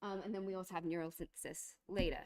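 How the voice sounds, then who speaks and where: A woman's voice: fairly low pitch, steady tone, fast talker, a little mellow, clear, resonant tone. A woman giving a university lecture, explaining step by step with frequent fillers and restarts.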